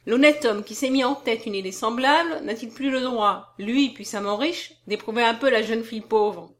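A woman's voice: on the high side, moderate pace, close to an everyday voice. A woman reading an audiobook, voicing a self-assured young man who talks in a half-mocking, half-solemn way. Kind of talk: audiobook character voice.

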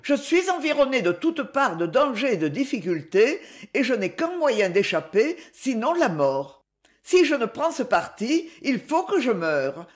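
A woman's voice: a little high, very animated, a little slow, hardly any pauses. A woman reading an audiobook, voicing a proud, desperate young woman who pleads with her rich father. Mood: pleading. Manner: pleading, raised and emotional.

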